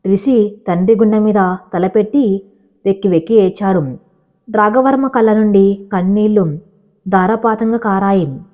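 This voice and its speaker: A woman narrating an emotional love story in a steady, measured way. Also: mid-range voice, highs cut off.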